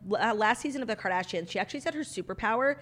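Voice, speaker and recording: A woman's voice: fairly high pitch, lively intonation, rapid-fire, fairly bright tone. A woman hosting a podcast, chatting casually and emphatically, often saying "like". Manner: chatty, emphatic, heavy use of "like". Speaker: podcast host. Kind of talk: casual gossipy chat with sponsor read.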